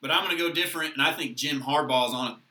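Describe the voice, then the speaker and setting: A man's voice: a little high, racing, pushed and bright. A man co-hosting a podcast, jokey and stumbling in casual sports chat. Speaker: podcast co-host. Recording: echoey room, distant mic, background noise.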